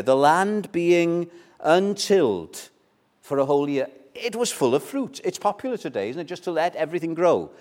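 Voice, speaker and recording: Here an older pastor from Wales preaches in Welsh, keeping it conversational with repeated words and rhetorical questions. The voice runs on the high side. It swells strongly and then falls away to near-whispers.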